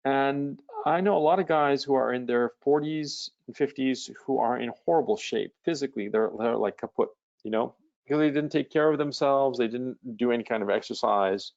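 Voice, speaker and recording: A man's voice: medium pitch, moderate pace, vocal fry, a little mellow, dull audio. A man hosting a live webinar Q&A as a coach, talking bluntly and casually and swearing freely.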